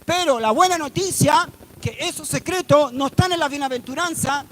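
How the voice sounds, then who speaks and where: A man's voice: very high voice, moderate pace, fairly bright tone, slight background noise. A man preaching a sermon in a church hall, emphatic and full of rhetorical questions. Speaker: pastor.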